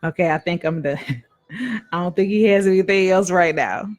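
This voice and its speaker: Speaking at a normal speed in a lowish voice, a female minister gives an informal live-streamed devotional. She preaches with emphasis and repetition and addresses her audience as "y'all."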